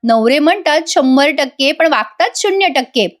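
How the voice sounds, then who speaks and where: A woman's voice: sits high, lively intonation, moderate pace, pitched above the performer's own voice. A woman reading the lines of a teasing middle-aged mother-in-law.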